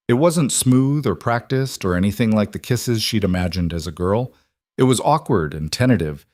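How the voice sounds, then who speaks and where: A man narrating a frontier romance story in a measured, even storytelling manner. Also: on the low side, no echo, studio quality. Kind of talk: scripted narration.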